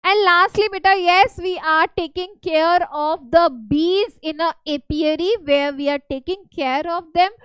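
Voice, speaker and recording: North indian lady teacher doing a revision class, really high voice, dry sound, repeats stuff and keeps checking in. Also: a bit bright, no echo, rough recording. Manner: repeats key phrases for emphasis; instructive, checks in with students often. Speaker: school science teacher. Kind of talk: live online revision lesson.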